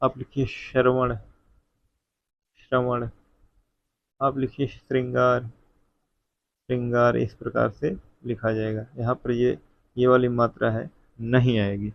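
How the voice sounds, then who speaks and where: A man gives a spelling dictation in a very slow, measured way, saying each word again and again. His voice is gravelly. The recording is dry and close, with a dull, lo-fi sound. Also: mid-range voice, little pitch movement, no echo. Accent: North Indian Hindi. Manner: addresses viewers as friend. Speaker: Hindi teacher.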